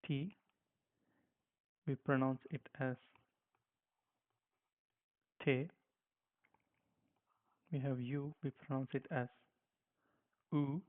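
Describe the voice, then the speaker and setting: A man's voice: medium pitch, steady tone, normal speed, pauses often. A man teaching a language lesson, patiently spelling out letters one at a time and saying how each one sounds. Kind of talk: slow spoken lesson with repetition. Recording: tinny phone-like sound.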